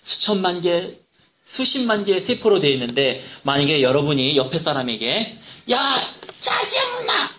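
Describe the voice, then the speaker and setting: Animated Korean pastor preaching. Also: male voice, fairly high pitch, moderate pace. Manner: animated storytelling, acts out quoted lines. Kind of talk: sermon.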